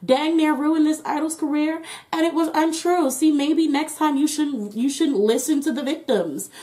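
A woman's voice: high-pitched, normal speed, dark tone. A woman with a voice muffled by a face mask over her mouth, casually improvising a tarot reading as host. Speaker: tarot reader and channel host.

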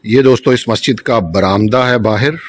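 A man's voice: medium pitch, normal speed. A man in his thirties presenting a mosque tour vlog, speaking enthusiastically with devotional phrases, filmed on a phone camera at arm's length from a car at night and then outside a mosque. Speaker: travel vlogger.

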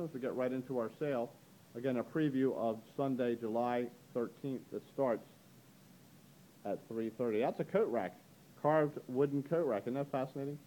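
Chatty auctioneer man with a mellow voice. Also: slight background noise, low-quality recording. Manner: chatty, upbeat pitch with frequent "ladies and gentlemen". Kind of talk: walk-through preview of auction items. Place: indoor antique gallery. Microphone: handheld camera mic, speaker behind the camera.

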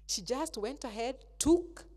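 Sunday school lady telling a bible story to kids, lively sing-song voice going up and down. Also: sits high, unhurried. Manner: animated, acts out the characters. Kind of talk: storytelling Bible lesson to children.

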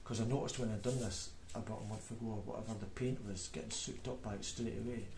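A low-voiced man with a broad Scottish accent talks casually and a bit haltingly, as in a homemade vlog. His voice has a clear creak to it. The room is audibly echoey around him. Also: steady tone, darkish tone. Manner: rambling, hesitant, self-deprecating. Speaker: beginner painter making video diary. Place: indoor room at a table. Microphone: microphone, off camera. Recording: roomy echo, background noise, clicks.

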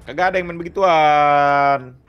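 A man's voice: a little high, normal speed, clean tone, highs cut off. A young man, bantering coarsely and teasing his co-op partner during a game stream. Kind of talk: casual gaming stream chat. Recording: game stream with loud music behind.

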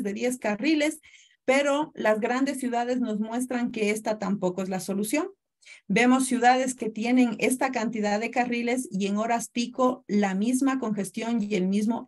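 Ecuadorian woman in her thirties, courteous webinar presenter on a video call mic. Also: fairly high pitch. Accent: Ecuadorian Spanish. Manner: courteous, greets attendees by name, explanatory. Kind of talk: online presentation.

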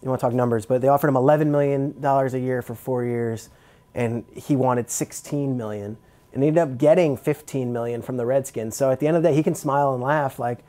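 Mellow-voiced man with a Jersey accent. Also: mid-range voice, fairly even intonation. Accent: New Jersey. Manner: chatty, quick insider talk with many fillers. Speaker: NFL reporter guest. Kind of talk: casual podcast chat.

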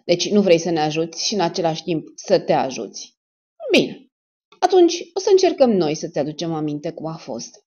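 A woman's voice: low voice, very animated, dark tone. A woman reading the part of a stern male security major who presses a suspect with cold sarcasm, in a dull lo-fi recording. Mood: pressing.

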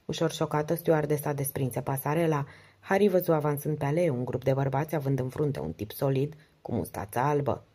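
A woman narrating an audiobook in a steady, measured way. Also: low-pitched, breathy edge.

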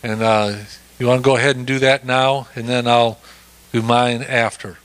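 A man's voice: medium pitch, little pitch movement, normal speed, fairly bright tone. A man leading a church Bible study in a folksy, easygoing way, with frequent amens and asides. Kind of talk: casual church teaching.

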